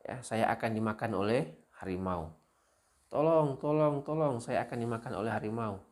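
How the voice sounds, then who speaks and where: A man voicing a panicked male farmer in a spoken story who shouts shrill, repeated cries for help. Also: a little slow.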